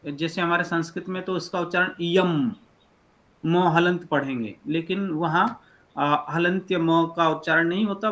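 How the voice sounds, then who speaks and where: A man's voice: on the high side, a bit bright. A man teaching an online class over a video call, patiently explaining letter by letter. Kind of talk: online lecture.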